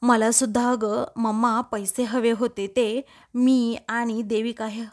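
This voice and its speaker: A jobless grown son whines at his mother, as a woman puts him on. He coaxes and pleads. The voice sits fairly high. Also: little pitch movement, slow. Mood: whining. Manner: whining, coaxing.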